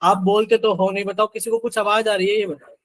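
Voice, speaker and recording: A man with a high voice teaches math live, walking through each step and chanting the times tables as he goes. He keeps prodding the class to answer him. The sound is dry and close. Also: flat delivery, a little fast, a bit bright, no echo, low-quality recording. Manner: coaxing, repeatedly asks students to answer; works sums aloud with Hindi multiplication-table chants.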